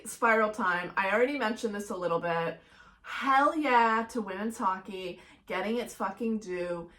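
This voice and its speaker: A woman's voice: mid-range voice, fairly bright tone. A middle-aged woman hosting her own podcast, talking in a casual solo monologue, blunt and fired up, swearing freely and filling her talk with "like". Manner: fired-up, blunt and profane, heavy use of "like". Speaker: podcast host.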